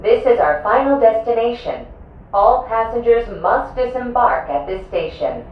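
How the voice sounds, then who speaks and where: A woman giving a formal, scripted ride announcement played over a cabin loudspeaker, heard distant and dull. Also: a little high, animated, measured pace, heavy reverb. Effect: cabin loudspeaker playback. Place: inside a gondola cabin.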